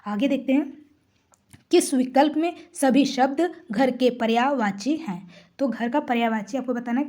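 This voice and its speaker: A woman's voice: sits high, dark tone. A woman teaching Hindi grammar for an exam, going through mock test questions and answering her own rhetorical questions. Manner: explanatory, asks rhetorical questions and answers them herself; clears her throat now and then.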